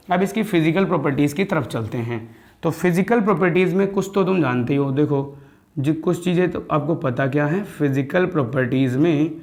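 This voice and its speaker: A man's voice: a little high, darkish tone. A male chemistry teacher lecturing in a voice that sits a little above the usual for a man. He fires questions at his class and answers them himself, calling his students "beta" as he walks them through each step. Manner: calls students "beta" and "bhaiya".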